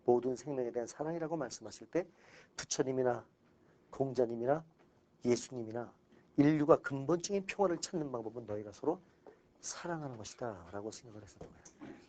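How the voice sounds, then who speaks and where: A male lecturer talking to his students in an easy, casual way, with a voice at an ordinary middle pitch. He is animated and blunt, and he swings between sharp outbursts and dry asides. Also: brisk. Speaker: exam-prep ethics lecturer.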